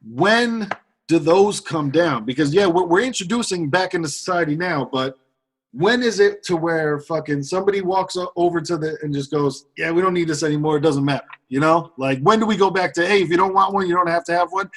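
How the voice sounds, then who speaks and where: Male podcast cohost, slightly high voice, rambling casual talk. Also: fairly bright tone, slightly rough. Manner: rambling, drawn-out musing. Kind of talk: casual chat.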